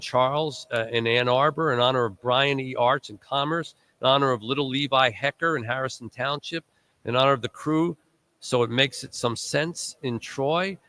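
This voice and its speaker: A man hosts a live charity radiothon. His voice is bright and forward, though worn from being sick. He rambles through name after name, slipping in joking asides. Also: medium pitch, no room sound. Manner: rambling, warm thank-you lists with asides. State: recovering from illness, voice strained. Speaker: radiothon host. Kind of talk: live charity broadcast thank-yous.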